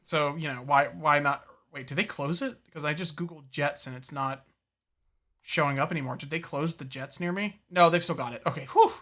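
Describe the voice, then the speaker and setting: High, bright-voiced rambling podcast host. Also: male voice, normal speed. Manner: rambling, profane, reads news aloud. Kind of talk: casual chat.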